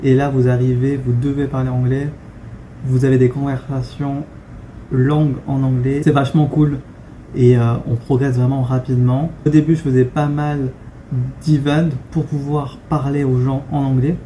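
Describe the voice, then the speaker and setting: A man's voice: medium pitch, level tone, normal speed, warm tone, slight background noise. A young man from France chatting frankly in a casual vlog, with many fillers and restarts. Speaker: vlogger. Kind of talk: casual talking-head vlog.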